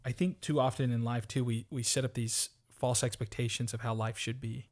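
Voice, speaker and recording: A man's voice: medium pitch, little pitch movement, fairly quick, a little mellow. A man co-hosting a podcast in casual motivational chat, earnest and upbeat, often repeating words as he thinks. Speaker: podcast co-host.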